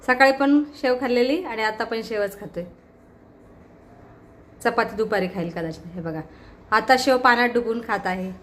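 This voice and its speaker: A woman's voice: fairly high pitch, normal speed, pauses often, a bit bright. A middle-aged woman narrating a casual home vlog, chatty and coaxing. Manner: chatty, coaxing, mixes Marathi with Hindi and English. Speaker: family vlogger.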